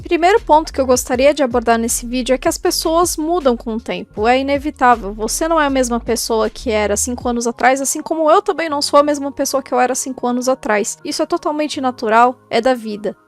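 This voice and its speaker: A woman's voice: sits high, quick pace, hardly any pauses. A woman in her twenties talking to the camera in a casual, candid, chatty vlog. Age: 20s. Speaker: YouTuber and cosplayer.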